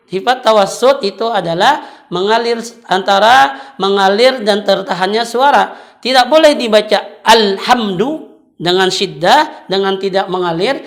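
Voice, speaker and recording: Woman teaching tajwid, talks slow, repeats chanted syllables patiently. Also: mid-range voice. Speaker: Quran recitation teacher. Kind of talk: tajwid lesson with chanted recitation examples.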